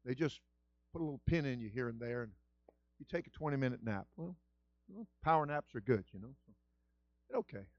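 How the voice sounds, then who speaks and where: A man preaching a sermon as pastor, moving from quiet storytelling to loud shouted praise. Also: mid-range voice, no room sound, highs cut off.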